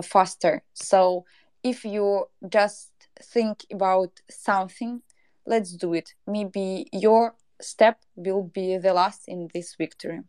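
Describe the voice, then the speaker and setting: A woman with a Ukrainian accent, giving earnest remarks in halting, non-native English in an online discussion. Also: mid-range voice, mellow, clear, resonant tone. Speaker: panel participant, aid project worker.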